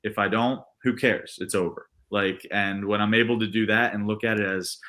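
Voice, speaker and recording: A young baseball pitcher in his twenties answers podcast interview questions earnestly but ramblingly, with many restarts and fillers. His voice sits somewhat low and sounds sharp, with fairly even intonation and a moderate pace.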